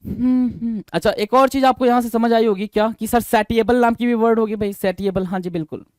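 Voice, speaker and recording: A male teacher leading an exam-prep vocabulary lesson. He reads English definitions slowly, explains them in quick Hindi, spells each word letter by letter and repeats the answers. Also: very high-pitched, fairly even intonation, clean tone, dry recording. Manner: spells words letter by letter, repeats answers, calls students bhai.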